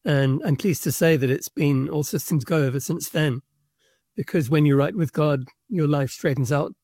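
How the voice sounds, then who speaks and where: Guest, middle-aged man, South African accent, slightly high, deliberate, dry close mic. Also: a little mellow, dry recording. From Kenya and South Africa. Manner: measured, thoughtful storytelling with pauses. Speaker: guest, book publisher's representative. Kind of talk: conversational podcast interview.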